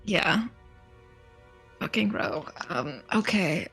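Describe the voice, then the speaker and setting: A woman's voice: lowish voice, lively intonation, extremely slow, vocal fry, a bit bright, breathy edge, faint music behind. A woman bantering casually as a player in a tabletop role-playing game.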